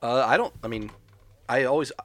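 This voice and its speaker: A man's voice: medium pitch, normal speed, a bit bright, no room sound. A man co-hosting a movie podcast, bantering casually in a dry, teasing way. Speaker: podcast co-host.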